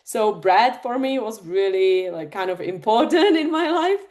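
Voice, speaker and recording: A woman's voice: medium pitch, lively intonation, unhurried, a little mellow. Chatty woman coaching online. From Czech Republic. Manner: chatty, addresses the audience directly with many fillers. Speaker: fitness and nutrition coach. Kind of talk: live online masterclass talk.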